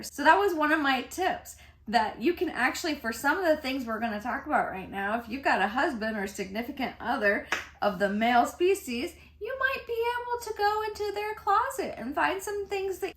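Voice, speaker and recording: A fashion vlogger in her fifties chats casually to camera in an echoey room, laughing often. Her voice is a little high and fairly bright.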